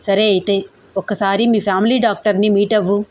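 A woman's voice: mid-range voice, little pitch movement, a little fast, darkish tone, close to an everyday voice. A woman reading an audio story, voicing a loving young man who speaks seriously and reassuringly.

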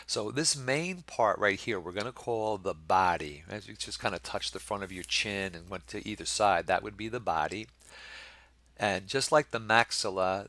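Man, middle-aged, deep low voice, dry recording, patient slide lecture, anatomy instructor. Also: fairly bright tone, dry recording. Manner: explains patiently, often checking with a questioning "right?".

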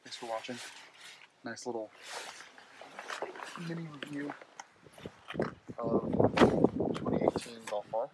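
A medium-pitched man speaks slowly with long pauses during a casual walkaround of a car, starting outdoors on a dealership lot and ending inside the car. The car vlogger thinks aloud with fillers and restarts, and his handheld phone camera recording is very noisy.

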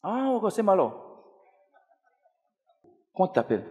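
Commanding pastor in an echoing hall. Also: male voice, sits high, big pitch swings, measured pace, mellow. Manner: commanding, repetitive chanting. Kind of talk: deliverance ministry. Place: church.

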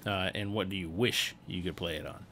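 A young man with a lowish voice talks over his gameplay footage in a loose, easygoing ramble. He sounds tired and lets out small chuckles as he goes. A faint hum sits underneath. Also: steady tone, brisk, pushed and bright. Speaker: gaming channel host and streamer. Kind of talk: casual voice-over gameplay commentary.

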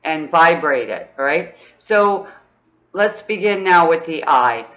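A woman's voice: animated, slow pace, highs cut off. Bubbly woman leading chakra exercise. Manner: upbeat, chatty, ends phrases with "okay?"; bursts into high whoops. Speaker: spiritual teacher.

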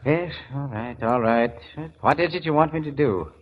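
On a dull, noisy old radio recording from the 1970s, a male actor lightly portrays a policeman who is reluctant and grumbling yet good-natured, full of blustery, exasperated objections. His voice is mid-range and his pace moderate.

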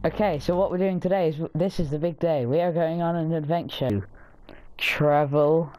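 A teenage boy hosting a casual gaming vlog with excitable, chatty commentary. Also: a little high, fairly quick. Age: teens. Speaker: channel host.

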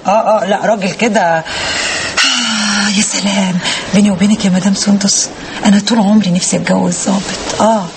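A woman's voice: mid-range voice, fairly even intonation, a little fast, long pauses, background noise, lightly acted. An actress playing a sarcastic, melodramatic young unmarried woman in an Egyptian TV comedy, speaking with an Egyptian accent. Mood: scheming. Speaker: comic lead. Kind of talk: TV comedy acting.

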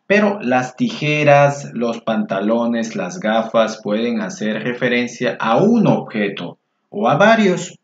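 A man teaching a Spanish grammar lesson to learners in a friendly way. He repeats words slowly and mutters asides to himself while fixing his screen. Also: mid-range voice, animated. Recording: echoey room, dull lo-fi sound.

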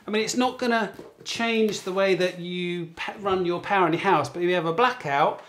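A man's voice: high-pitched, moderate pace, fairly bright tone. A man with a British accent casually chatting through a tech unboxing at home, wandering and restarting his sentences. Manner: chatty, meandering, restarts phrases. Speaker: tech reviewer.

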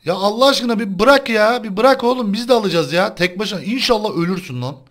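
A young man chatting casually while playing a game, excitable and quick to complain to his viewers. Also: high voice. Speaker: gaming channel host. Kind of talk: casual gameplay chat.

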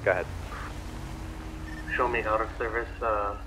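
A man's low, monotone voice over a police radio, giving brief status calls. His pitch hardly moves. Loud crowd noise sits behind the transmission. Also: moderate pace, low-quality recording.

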